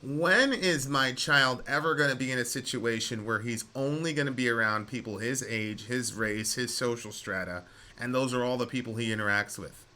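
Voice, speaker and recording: A man's voice: mid-range voice, normal speed, sharp tone. A man hosting a radio talk show, giving his opinions conversationally to a caller and repeating phrases for emphasis.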